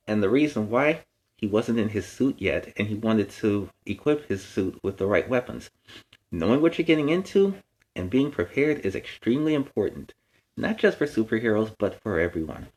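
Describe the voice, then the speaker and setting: A man's voice: lowish voice, low-quality recording. A man playing a friendly young superhero who hosts a children's storytime, reading animatedly and explaining things in kid-friendly asides. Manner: kid-friendly, explains words and gives advice.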